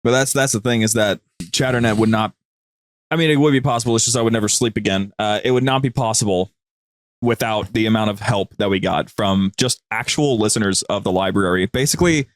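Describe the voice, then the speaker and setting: A man appears as a podcast guest and show producer, telling anecdotes in a casual, rambling, informal way. His voice is fairly low and brisk, with no echo.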